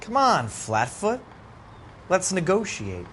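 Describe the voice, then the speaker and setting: An actor playing a taunting, desperate armed criminal in a period crime game, threatening and drawn-out in delivery. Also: male voice, sits high, huge pitch swings, a bit bright, a little hiss or hum, full character voice.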